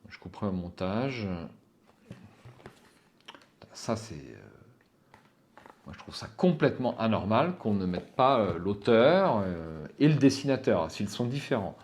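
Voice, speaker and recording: A man with a somewhat low voice hosts his own channel and talks through a review in a loose, unscripted way. He stumbles over words and fills pauses often, swearing under his breath when a detail slips his mind, yet he states his opinions bluntly. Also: sing-song, darkish tone. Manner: hesitant, many fillers and restarts, swears under breath when stuck; frank and opinionated. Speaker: channel host reviewing a gamebook. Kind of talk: casual spoken review to camera.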